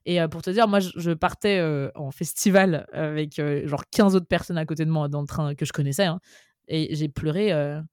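A woman co-hosts a casual book podcast, chatting animatedly with plenty of fillers and restarts. Her voice is low and somewhat dark, at a moderate pace. The studio-quality recording has no room sound.

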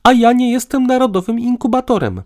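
A man's voice: high-pitched, big pitch swings, measured pace, gravelly, warm tone, voice pushed up, exaggerated voice. A man voicing an irritable, sarcastic young woman in an audiobook, with a raised, tense delivery. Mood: angry. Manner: sarcastic, combative. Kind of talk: audiobook dialogue.

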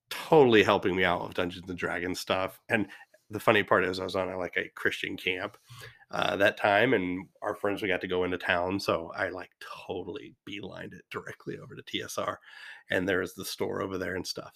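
A man in his fifties hosts a casual podcast monologue, enthusiastic and rambling, with plenty of fillers. His voice is deep with a fairly bright tone.

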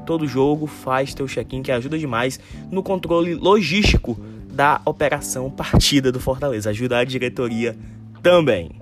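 Guy w a lisp, slushy s, northeastern brazilian ceará accent, mid pitched, casual football podcast host, music under it. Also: moderate pace. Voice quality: tongue-tied lisp, slushy s sounds. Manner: informal, addresses listeners directly, frequent tag questions. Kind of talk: casual solo football news commentary.

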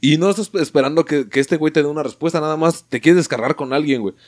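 A man with a Mexican accent in casual podcast chat, talking with heavy slang, swearing and animated asides. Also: on the high side, fast. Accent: Mexican Spanish.

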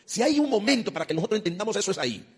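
A male pastor preaching an animated sermon, acting out voices and rising to loud, high exclamations. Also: rapid-fire, breathy edge. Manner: acts out voices of God and churchgoers. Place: church. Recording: long hall reverb.

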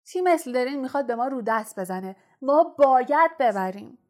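A woman's voice: on the high side, natural voice. A woman voicing an intense, stern teenage boy team captain who talks urgently in a clipped, insistent way, in a storybook reading. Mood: fierce.

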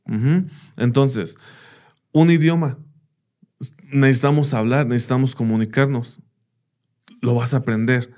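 An English-native teacher guesting on a podcast tells anecdotes casually, unhurried and pausing often. His medium-pitched voice is a little mellow, and he regularly throws in "bla, bla" and "¿me entiendes?"

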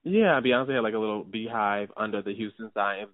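A man co-hosting a podcast, chatting casually and animatedly, with sudden jumps in pitch for emphasis. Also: a little fast, a little hiss or hum. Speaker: podcast co-host. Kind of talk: casual chat. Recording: tinny phone-like sound, dry.

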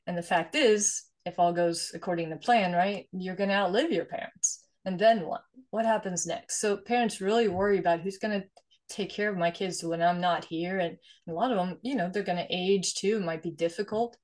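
A woman in her forties, originally from Sweden, speaks in a somewhat low voice. She explains things earnestly and conversationally, often tagging her points with "right?". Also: fairly even intonation, moderate pace, a little mellow. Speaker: guest, investor and nonprofit founder. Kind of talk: conversational interview.

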